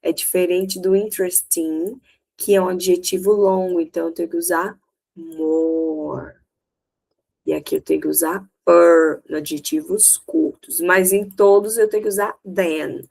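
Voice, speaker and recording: A woman's voice: lowish voice, unhurried, creaky, a little mellow, poor audio. A woman with a Brazilian Portuguese accent teaching English in a recorded lesson, explaining step by step and often checking that students follow.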